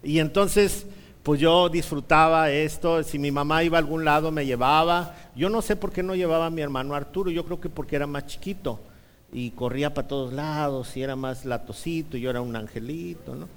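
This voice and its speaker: A man's voice: on the high side, fairly quick. A man preaching a sermon, telling a childhood story with humor and rhetorical questions. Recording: reverberant hall.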